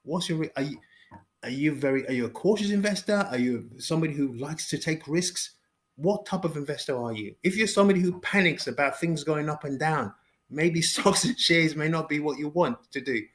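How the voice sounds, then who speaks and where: A man talks viewers through the basics in a casual lesson, his voice sitting a little high. He restarts phrases, repeats key words for emphasis and ends points with a quick "okay?". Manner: repeats himself, says "okay?" after points. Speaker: finance educator. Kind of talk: informal explainer video.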